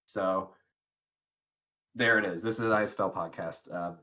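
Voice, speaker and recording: A man's voice: sits low, fairly even intonation, normal speed, sharp tone. Rambling young man chatting on a podcast. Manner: rambling, many fillers and restarts, laughs often. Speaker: podcast co-host. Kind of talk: casual chat.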